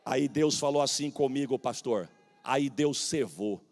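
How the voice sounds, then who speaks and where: A Brazilian man in his forties, a pastor preaching a sermon, swinging between shouted proclamation and hushed, humorous storytelling. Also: mid-range voice, a little slow, big-room sound. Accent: Brazilian Portuguese. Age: 40s. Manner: humorous, folksy anecdotes.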